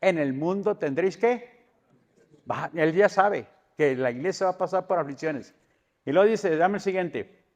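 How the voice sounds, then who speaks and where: A man's voice: a little high, animated, normal speed. A man preaching a sermon as pastor, asking the congregation questions and building emphasis. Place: church hall. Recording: long church hall reverb.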